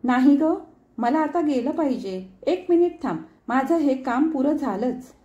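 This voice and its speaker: A woman's voice: sits high, animated, unhurried, dark tone, highs cut off, voice pushed up. A woman voicing a young schoolteacher who talks playfully and affectionately with a small boy in a read-aloud novel. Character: warm young woman teacher, gently teasing.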